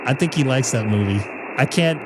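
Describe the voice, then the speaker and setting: A man's voice: mid-range voice, expressive, normal speed. A man working as a ham radio net control operator, chatting casually and mocking himself between calls in a radio room full of static. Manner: chatty and self-mocking, talking to himself on air. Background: radio static and ambient hiss.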